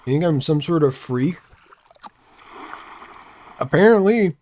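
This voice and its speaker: A man's voice: fairly high pitch, animated, takes it slowly, darkish tone. A young man chatting casually while streaming a game live, rambling through sarcastic asides.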